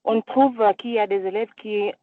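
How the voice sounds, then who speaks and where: A woman's voice: mid-range voice, fairly even intonation, moderate pace, no echo. A woman teacher speaking hesitantly with many fillers while joining a webinar over a video call. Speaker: French teacher, participant. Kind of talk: webinar contribution. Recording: tinny, dry video-call line.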